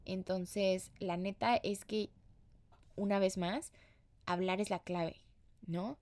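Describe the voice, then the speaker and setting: A woman's voice: medium pitch, steady tone, slow pace, a little mellow. A woman with a Mexican accent, hosting a podcast in a chatty, slangy, casual way. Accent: Mexican Spanish. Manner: chatty and slangy, with playful acted-out quotes. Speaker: podcast host.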